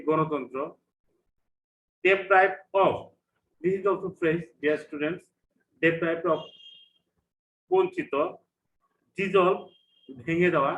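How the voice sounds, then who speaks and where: A male English lecturer with a Bangladeshi accent teaches vocabulary online, saying each word twice with its meaning. His slightly high voice moves at a slow, careful pace. The lo-fi recording sounds dull and echoes in a bare room.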